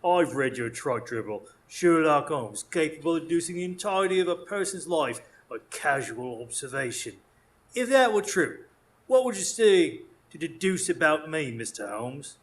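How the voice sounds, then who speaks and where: A man's voice: a little high, big pitch swings, moderate pace. A man playing a cocky, scornful police inspector in a radio drama, blunt and sarcastic. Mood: challenging. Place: small theatre stage, recorded live in front of an audience.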